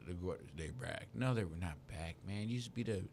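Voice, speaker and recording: A man's voice: low-pitched, brisk, slight background noise. A man co-hosting a soccer radio show, arguing his picks in loose, slangy casual chat full of restarts. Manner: animated, slangy, talks in restarts.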